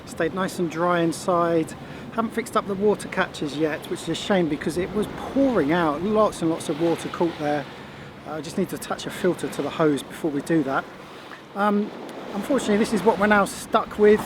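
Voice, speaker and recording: A man's voice: high voice, fairly quick. Understated man vlogging from a noisy boat. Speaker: sailing vlogger. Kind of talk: casual explanatory vlog narration to camera. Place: aboard a sailing boat at sea. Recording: noisy boat with engine and water.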